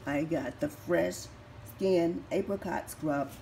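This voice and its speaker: In an echoey room at home with faint background noise, a couponing vlogger in her 50s holds her phone camera over items for a casual haul walkthrough. Her voice is deep, raspy and mellow. Recovering from surgery, she goes slowly and methodically, reading prices off receipts.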